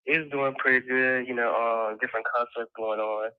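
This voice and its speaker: A man's voice: medium pitch, fairly even intonation, normal speed, clean tone, dry recording. A man phoning in to a live show, chatting casually with brief, polite replies. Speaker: caller. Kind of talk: casual phone chat. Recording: muffled phone call over live stream.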